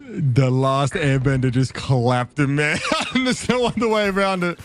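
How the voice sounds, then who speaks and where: A man casting an esports match play by play, hyped and slangy, climbing to shouts on big plays. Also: fairly high pitch, animated, unhurried, soft background music. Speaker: esports caster.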